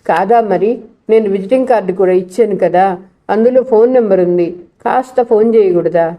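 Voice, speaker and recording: Woman doing a gentle older gent, storybook, muffled audio. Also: mid-range voice, normal speed, lightly acted. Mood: kindly.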